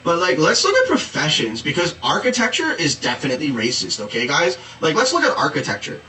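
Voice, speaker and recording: A man's voice: fairly high pitch, huge pitch swings, fairly quick, bright, forceful tone, roomy sound, distant mic, slight background noise, heavily acted, low-quality recording. A man playing a preachy, exasperated activist who says "like" and "duh" all the time, in a sarcastic comedy monologue. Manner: valley-speak with constant "like" and "duh", sarcastic. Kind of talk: satirical character monologue.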